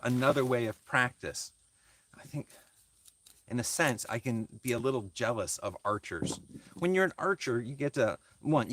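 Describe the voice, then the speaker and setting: A mid-range-voiced man crafts during a livestream, speaking casually with his audience. He pauses and reflects as he thinks aloud, responding to viewers' comments.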